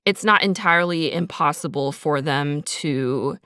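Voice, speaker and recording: On a behind-the-scenes podcast, a woman host speaking as a sound designer explains her work methodically and conversationally, using examples. Her voice is low-pitched, unhurried, smooth, and bright with a forceful tone. The recording is clean studio sound with no room sound.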